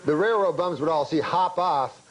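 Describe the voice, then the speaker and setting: Halting deadpan male comedian with a slightly high voice, rambling through a long tale. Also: poor audio. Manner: halting, deadpan, full of restarts. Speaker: comedian guest. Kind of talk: rambling comic storytelling.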